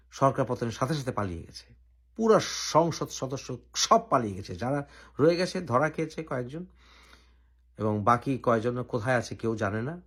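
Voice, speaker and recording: A man from Bangladesh, host of his own channel, makes an opinionated political argument point by point with deliberate pauses. He speaks at medium pitch with a breathy edge.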